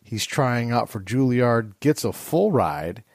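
A man's voice: medium pitch, animated, takes it slowly, a little mellow, no room sound, clean studio sound. Upbeat man reading a podcast intro. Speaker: guest host reading the show intro.

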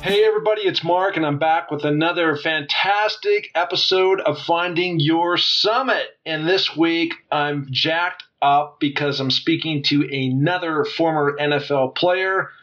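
A man hosting a podcast interview, energetic and casual, often restarting his sentences. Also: on the high side, unhurried, hardly any pauses, dull audio, faint music behind. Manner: energetic, with many restarts and fillers. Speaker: podcast host and former football player. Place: home base in Idaho.

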